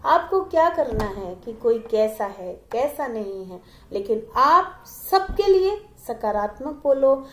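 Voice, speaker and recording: A woman's voice: fairly high pitch, sing-song, takes it slowly, few pauses, reverberant, slight background noise. A woman vlogger in an earnest, preachy manner, telling a moral story to her viewers.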